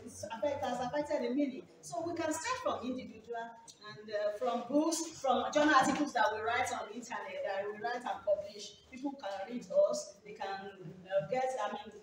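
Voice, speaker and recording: A woman with a Nigerian accent giving earnest, halting remarks at a university workshop. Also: a little high, slight background noise. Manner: earnest, halting, self-correcting. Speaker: workshop speaker. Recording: echoey hall, distant mic, audience.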